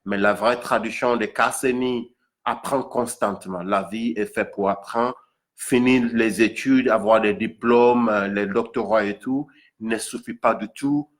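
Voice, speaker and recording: Presenting his own single, a musician from Accra speaks informally to the audience in a fairly low voice. A Ga speaker with a Ghanaian accent, he talks haltingly and repeats words to stress them.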